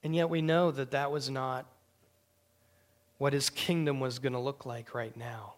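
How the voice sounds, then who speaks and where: A man preaching a sermon with emphatic delivery, dropping to hushed near-whispers on key words. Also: medium pitch, fairly even intonation, a little slow. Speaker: pastor.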